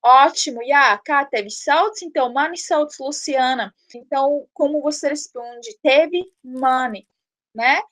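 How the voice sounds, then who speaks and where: High-voiced slow careful woman teacher. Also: a bit bright. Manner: slow, careful word-by-word pronunciation; explains patiently, checks with "né?". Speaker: language teacher. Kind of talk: online language lesson.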